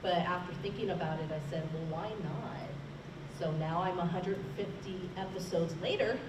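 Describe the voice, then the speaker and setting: A woman's voice: lowish voice, normal speed. A woman, a horror host, casually telling anecdotes about her work on a convention panel. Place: large room at a convention, panel. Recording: roomy, distant, noisy convention hall recording.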